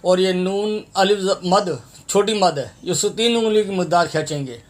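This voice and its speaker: High-voiced man teaching Quran recitation. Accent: Pakistani Urdu. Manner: recites verses slowly and melodically, then explains rules quickly. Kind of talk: tajweed lesson with slow recitation.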